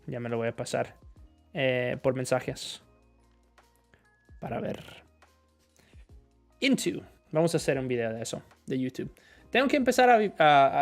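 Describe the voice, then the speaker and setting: A male teacher answering viewer questions in a live lesson, switching between Spanish explanations and examples. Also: medium pitch. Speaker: English teacher.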